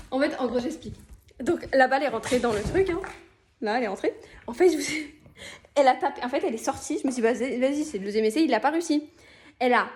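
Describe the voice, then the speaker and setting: High-voiced chatty young woman vlogging. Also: noisy background. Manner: chatty, self-mocking, bursts of laughter. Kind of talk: casual challenge vlog. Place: at home.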